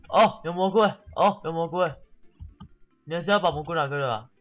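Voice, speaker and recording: A man's voice: on the high side, a little fast, a bit bright, soft background music. A man giving casual let's-play commentary, sarcastic and swearing often while mockingly reading the game's text aloud.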